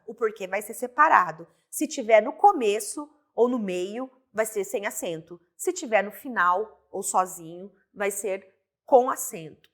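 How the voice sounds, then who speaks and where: Brief: woman teacher, higher voice, very animated pitch, explains patiently and checks understanding often. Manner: explains step by step, checks in with "tá?" and "certo?". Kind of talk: recorded online grammar lesson.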